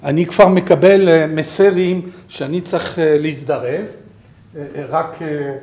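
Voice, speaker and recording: A man with a French accent gives an informal slide presentation as a programme director, haltingly searching for his words. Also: on the high side, steady tone, darkish tone.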